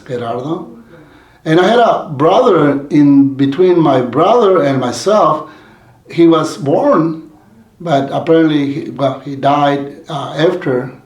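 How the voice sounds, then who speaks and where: A man from Mexico telling his life story in an interview, rambling with many restarts and fillers. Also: mid-range voice. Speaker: community leader guest. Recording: roomy echoey sound.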